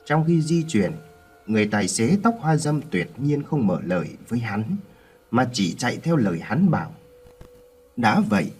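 A man narrating a scripted ghost story with a dramatic, expressive reading. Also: mid-range voice, breathy edge.

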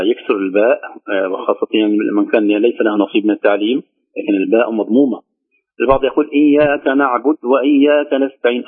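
A man teaching Quran recitation, slowly drawing out each word he demonstrates. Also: lowish voice, slightly rough. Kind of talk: recitation lesson. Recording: tinny phone-line sound.

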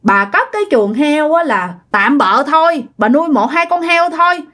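A woman's voice: sits high, expressive, moderate pace, a bit bright, voice pushed up. A woman playing an indignant young village wife. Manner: pleading, indignant, exclaiming.

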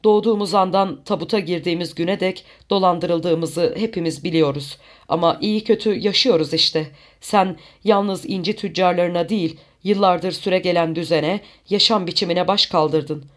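Narrator playing a cautious older brother man, measured warnings, audiobook. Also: mid-range voice, close to an everyday voice. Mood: worried. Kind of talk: audiobook character voice.

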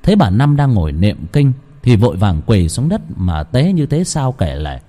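Dramatic male storyteller reading a ghost tale, very animated delivery. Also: moderate pace. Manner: dramatic, highly expressive storytelling. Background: faint music.

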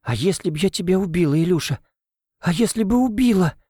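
A man's voice: on the high side, fairly quick, dark tone, no echo, clean studio sound, voice pushed up, close to an everyday voice. A man voicing a frightened, doting elderly woman nanny who pleads breathlessly and tearfully in an audiobook. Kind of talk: audiobook character voice.

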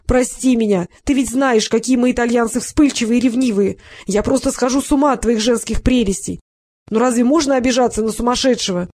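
A reader doing a loud jealous husband. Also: medium pitch, brisk, few pauses, pitched above the performer's own voice, close to an everyday voice. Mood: pleading. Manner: loud and pleading, emotional. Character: jealous hot-tempered husband pleading with wife.

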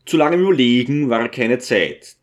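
A man reading a novel aloud as scripted narration, in a measured, steady way. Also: mid-range voice. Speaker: audiobook reader.

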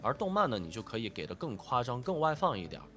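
A man with a nasal, stuffed-up voice from a cold chats casually as a guest voice actor in an interview, explaining his dubbing work. He's modest and self-deprecating, thinking aloud and repeating himself. His mid-range voice is sing-song, fast and a bit bright, with soft music in the background.

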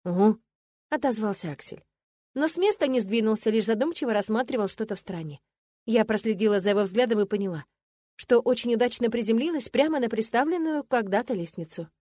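A woman's voice: a little high, expressive, quick pace, mellow, no echo. A woman narrating a novel in the first person as an audiobook reader.

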